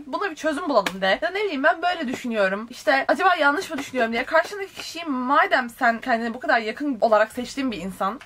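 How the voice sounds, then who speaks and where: A young woman author chatting in a book-reading vlog, animated and easily exasperated about the characters. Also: sits high. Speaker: booktuber and author. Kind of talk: reading marathon vlog, casual chat.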